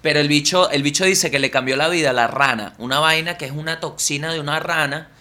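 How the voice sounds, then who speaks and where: Bright-voiced Venezuelan man joking. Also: a little high, fast. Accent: Venezuelan Spanish. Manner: crude, teasing, slangy. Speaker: podcast co-host. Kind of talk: casual joking chat.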